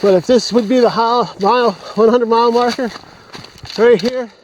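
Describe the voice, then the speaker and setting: Breathless on a steep climb, this man narrates a casual hiking vlog, rambling and thinking out loud toward a camera held on an extended mount. He speaks very high-pitched at a normal speed, with fairly even intonation and a bit of hiss or hum.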